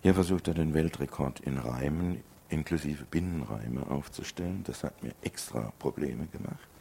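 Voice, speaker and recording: A man's voice: a bass voice, moderate pace, mellow, slight background noise. A man performing rhymed songs and a spoken story with a rhythmic delivery. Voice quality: gravelly.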